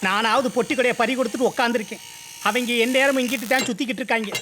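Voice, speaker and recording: A man's voice: very high voice, steady tone, rapid-fire, background noise. An actor playing a self-pitying husband and small shopkeeper who rants about his ruined shop and his troubles. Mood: ranting. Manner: whining, ranting.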